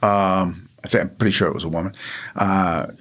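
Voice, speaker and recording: A man, a comedian guest telling stories in a rambling, halting, joking way. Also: low voice, fairly even intonation, fairly bright tone. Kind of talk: casual interview chat.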